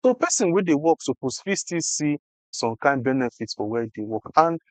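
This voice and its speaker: A man's voice: on the high side, expressive, fairly quick, no room sound. A Nigerian man explaining things conversationally in Nigerian Pidgin, emphatic and repeating phrases for effect. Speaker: interview guest explaining health insurance.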